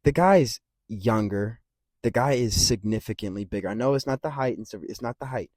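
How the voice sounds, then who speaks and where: A man hosting a casual fight-prediction rant, rambling and swearing freely, with big jumps in loudness. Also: lowish voice, animated, moderate pace, no echo, studio quality. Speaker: MMA commentary channel host.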